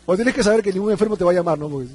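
A man preaching a sermon to his church, animated and acting out little exchanges between church members. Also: sits high, rapid-fire. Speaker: pastor.

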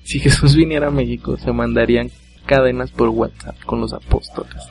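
A Mexican man with a gravelly, creaky voice runs his own comedy podcast. He talks in a casual, slangy way, reels off one joke after another and chuckles at his own punchlines. Faint music plays behind him. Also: medium pitch, steady tone, normal speed, darkish tone. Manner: joking, laughs at own jokes. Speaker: podcast host. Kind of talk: solo comedic podcast monologue.

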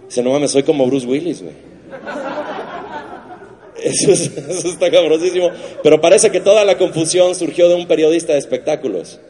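A man's voice: a little high, normal speed, mellow, a faint crowd. A man with a Mexican Spanish accent hosting a comedy show, riffing crudely on the week's news and swearing constantly. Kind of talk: stand-up news monologue.

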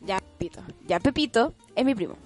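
A woman's voice: a little high, animated, a little fast, over music. A young woman with a Chilean accent, hosting a podcast and telling a family story in casual chat, laughing often and acting out the quotes. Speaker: podcast host.

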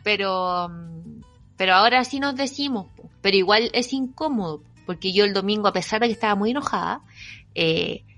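A woman's voice: mid-range voice, expressive, moderate pace, a bit bright, soft background music. A young Chilean woman co-hosting a casual chat, frank and jokey, swearing freely. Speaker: podcast co-host.

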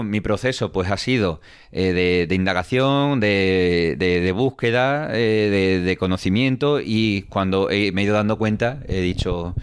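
Young man, Extremaduran accent, TV reporter in an interview, low smooth voice, hesitant. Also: no echo, studio quality. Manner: reflective, hesitant, with many fillers. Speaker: TV journalist.

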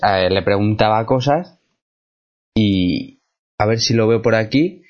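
A man from hosts a relaxed radio talk show, chatting and drawing stories out of his guests. His voice is at a middle pitch. The recording sounds slightly muffled and lo-fi. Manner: conversational, prompting guests.

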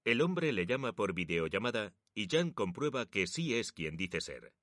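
A man narrating a story in a measured, emotive reading. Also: lowish voice, very animated, fairly bright tone, no echo, studio quality.

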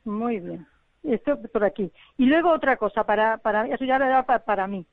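A woman's voice: a little high, a little fast. Older female caller on a tinny phone line, chatty, echoes back instructions, dry close sound. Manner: chatty, repeats back what she hears. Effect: heard over the phone. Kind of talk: casual call-in chat.

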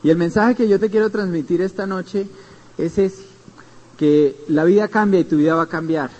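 A man's voice: sits high, normal speed, dark tone, highs cut off. A man with a Colombian accent giving a motivational seminar talk, telling his story earnestly and speaking straight to his listeners. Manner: earnest storytelling, addresses listeners directly with tag questions.

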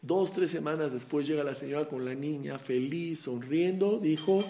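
A man teaching a Torah class in Spanish, telling stories and acting out the dialogue with lively shifts in tone. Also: on the high side, normal speed, slight background noise. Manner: animated storyteller who acts out dialogue. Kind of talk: religious class with storytelling.

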